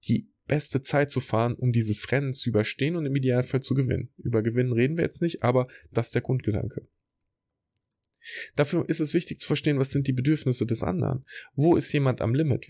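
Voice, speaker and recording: Man, podcast host, motivational coaching talk, addresses the listener directly, slows for reflection, dry close recording. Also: mid-range voice, a little mellow, no echo. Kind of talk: motivational talk, rehearsing a keynote.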